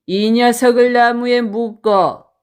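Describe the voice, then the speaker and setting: A woman voicing gruff male mountain bandits who bark threats and orders. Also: fairly high pitch, steady tone, slow pace.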